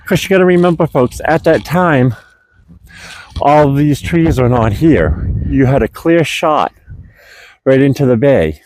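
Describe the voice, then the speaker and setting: A man chats his way through a casual guided walk outdoors, peppering his talk with ums and calling his viewers guys. His voice is mellow and a little winded from the climb, and his pitch sits in a middle range. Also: animated, a little slow. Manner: chatty, addresses viewers as folks and guys, many ums. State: out of breath. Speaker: host exploring an old fort. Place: outdoors at an old coastal fort.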